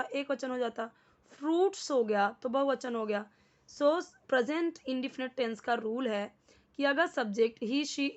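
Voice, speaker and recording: A woman teaching English in Hindi, explaining sentences slowly word by word and mixing English words into her speech. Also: sits high, a bit bright, dull audio. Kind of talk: spoken English lesson in Hindi.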